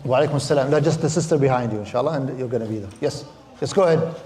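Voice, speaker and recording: A man's voice: medium pitch, rapid-fire, dark tone. A man whose first language is Arabic teaches an Islamic law class, explaining step by step and dropping Arabic words into his English. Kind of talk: classroom lecture. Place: lecture hall of a mosque center. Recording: echoey lecture hall.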